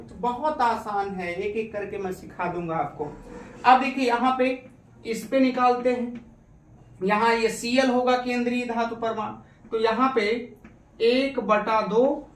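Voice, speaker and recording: A male chemistry teacher coaxing his pupils through a lesson, asking questions and answering them himself. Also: very high-pitched. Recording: echoey room, recorded from a distance.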